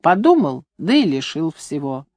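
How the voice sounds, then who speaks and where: A woman voicing a calm pious old grandmother. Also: low voice, normal speed, no room sound. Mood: confiding. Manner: soft, calm, devout.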